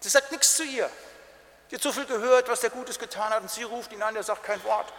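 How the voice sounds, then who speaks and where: A man preaching a sermon in a lively, colloquial storytelling way, acting out quotes. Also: very high voice, brisk. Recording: hall reverb.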